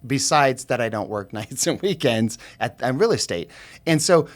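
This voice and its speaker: A middle-aged man, a realtor guest on a podcast, telling an anecdote in an animated way with plenty of fillers. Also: medium pitch, normal speed. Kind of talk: casual storytelling on a podcast.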